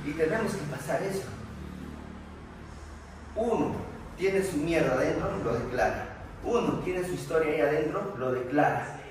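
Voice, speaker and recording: A man's voice: fairly high pitch, expressive, normal speed, long pauses. Guy coaching a group, keeps repeating himself, very echoey room, mic far off, faint noise. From Peru. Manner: emphatic, repeats questions, asks sí o no. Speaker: motivational coach. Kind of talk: motivational talk to a group during workout.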